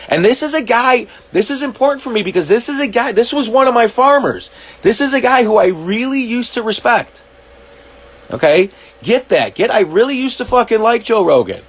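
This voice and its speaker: Man, high voice, profane reaction monologue, halting restarts. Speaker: commentary vlogger.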